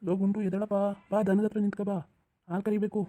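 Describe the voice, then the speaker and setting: Actor voicing an old cartoon grandfather, gentle, lecturing, mellow dark tone, very fast. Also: medium pitch, little pitch movement, close to an everyday voice. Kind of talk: cartoon voice acting.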